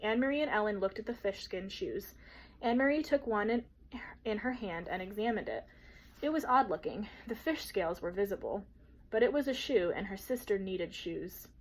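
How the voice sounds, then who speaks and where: A woman teacher reading a children's novel aloud in a steady, gentle storytelling manner. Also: mid-range voice, normal speed, rough recording.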